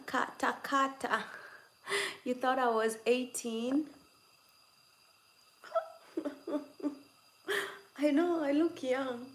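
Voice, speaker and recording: Hosting a relaxed home livestream, a woman older than twenty-six chats, teases her viewers and laughs frequently. She speaks very slowly with long pauses in a high, fairly even voice, in an echoey room with a little background noise.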